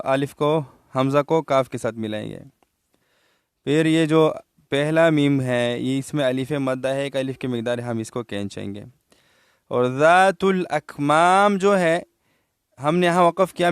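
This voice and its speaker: A man's voice: medium pitch, clean tone, no room sound, clean studio sound. A man with a Pakistani Urdu accent teaching tajweed, patiently explaining each letter and asking if his pupils understand. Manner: patient explanation, asks pupils if they understood, slows down to chant verses. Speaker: Quran recitation teacher. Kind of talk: tajweed lesson, explaining then reciting.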